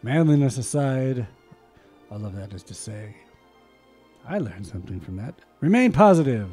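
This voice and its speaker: A community radio host reads poetry dramatically in a small studio over soft background music, swelling loud on key lines and then dropping to quiet, murmured, chatty asides. His medium-pitched voice is very animated and slightly rough, at a moderate pace.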